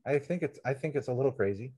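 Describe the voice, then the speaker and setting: A man hosting a podcast in casual conversation, playful and quick to laugh, wandering off on tangents. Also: mid-range voice, animated, warm tone, husky. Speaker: podcast host.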